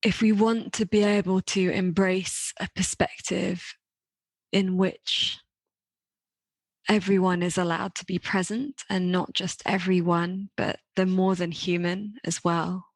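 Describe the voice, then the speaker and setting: A woman podcast host answering her guest in slow, earnest conversation. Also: fairly low pitch, flat delivery, no echo. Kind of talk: conversational interview.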